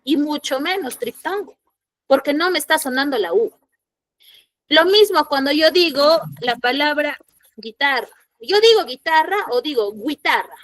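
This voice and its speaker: A woman with a high, bright voice teaches a secondary school language class online. She keeps asking her students questions and goes back over each rule. The sound is dry and close, with no room echo. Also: lively intonation, unhurried. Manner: questioning, repeats key points for students. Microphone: computer mic in an online class.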